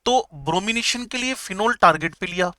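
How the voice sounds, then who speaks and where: High, bright-voiced male chemistry teacher. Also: expressive, no room sound, studio quality. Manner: jokey, repeats key terms slowly. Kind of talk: classroom lecture.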